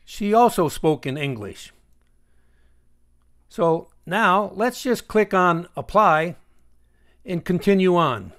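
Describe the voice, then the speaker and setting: With a slightly high, lively voice, a man narrates a software screencast tutorial. He walks through each step in a measured, instructional way.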